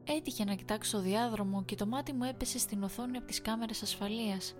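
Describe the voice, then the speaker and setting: A woman reading a first-person horror story aloud in a measured, suspenseful storytelling manner. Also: a little high, soft background music. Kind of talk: scripted horror story narration.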